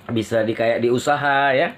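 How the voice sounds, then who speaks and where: A man giving a tarot reading to his viewers, speaking in a slow, drawn-out way and tagging nearly every phrase with a questioning "ya". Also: mid-range voice, fairly bright tone. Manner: slow, drawn-out delivery with constant "ya" tag questions; addresses viewers as friends. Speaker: tarot reader.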